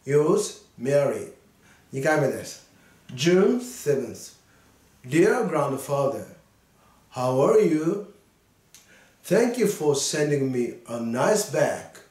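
A male English teacher reads short sentences slowly and then explains them with a lively, swinging voice. His voice sits a little high, and he sounds set back from the mic in an echoey room. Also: far from the mic. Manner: slow, deliberate reading of English sentences; animated explaining with frequent "ne" tags. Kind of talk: spoken English lesson.

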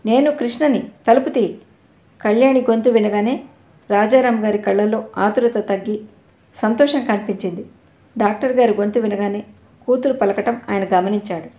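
A woman narrating a novel in a steady storytelling manner. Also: mid-range voice, moderate pace. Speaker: audiobook narrator. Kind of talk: novel reading. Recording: roomy echo.

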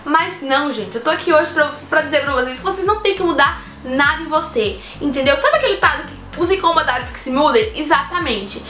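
A woman's voice: sits high, expressive, fairly quick, hardly any pauses, pushed and bright. An eighteen-year-old woman, telling a personal story in a chatty vlog and speaking straight to her viewers. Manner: chatty, addresses viewers directly, earnest. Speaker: vlogger. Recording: roomy echo with faint music.

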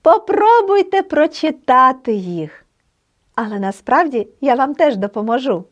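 Slow, lively-pitched woman teacher. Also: highs cut off. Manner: encouraging, pronounces example words slowly and carefully. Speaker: Polish language teacher. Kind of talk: online language lesson.

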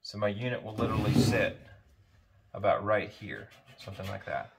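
A gravelly, lowish male voice with lively intonation and a moderate pace explains an HVAC sheet metal job as he does it. The tradesman speaks unscripted, in short bursts, inside a large indoor warehouse shop. The audio carries loud workshop clatter, including metal clanks and clicks.

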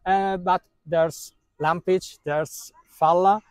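A man's voice: sits high, fairly even intonation, takes it slowly, clear, resonant tone, no room sound, rough recording. A man, a native Italian speaker, asking interview questions in hesitant, broken English full of fillers.

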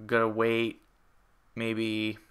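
A young man talks through a casual update on his gaming channel from home. His voice is bright and crisp, and he rambles with frequent fillers, self-corrections and half-finished sentences. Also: on the low side, monotone, drawn-out words. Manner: rambling, hesitant, many fillers and restarts.

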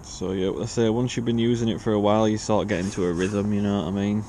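This young man with an English accent runs a fishing vlog, keeping up a slangy, informal chat as he fishes outdoors on a riverbank. A body-worn action camera captures his fairly low, warm voice, which stays fairly even in intonation while he talks fast. There's a little hiss or hum.

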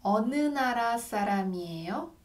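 A young woman teaching a language, saying short model phrases slowly and clearly for learners to repeat, recorded in a small room on a desk camera. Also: on the high side, animated. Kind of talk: slow, clearly articulated lesson drills.

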